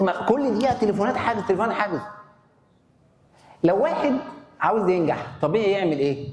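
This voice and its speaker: A fast-talking man with an Egyptian Arabic accent gives a lively conference lecture, throwing questions at his audience. His voice sits a little high for a man. The recording has the long echo of a large hall, with faint noise underneath. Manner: animated, asks the audience questions and answers them. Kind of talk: conference talk.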